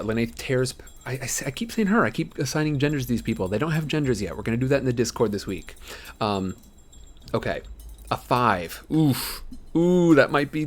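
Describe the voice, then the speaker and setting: A man running a tabletop game as game master, improvising narration and thinking aloud hesitantly for his chat. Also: mid-range voice.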